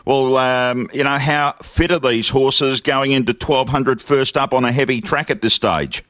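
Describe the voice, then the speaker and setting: A man's voice: mid-range voice, steady tone, measured pace, fairly bright tone, no room sound. Male podcast host, dry muffled sound. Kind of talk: conversational horse racing podcast hosting. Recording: dry, slightly muffled lo-fi audio.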